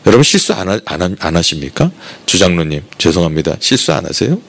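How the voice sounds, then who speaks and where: A man's voice: low voice, big pitch swings, fast talker, gravelly. A male pastor preaching a sermon, telling the story vividly and putting questions to the congregation.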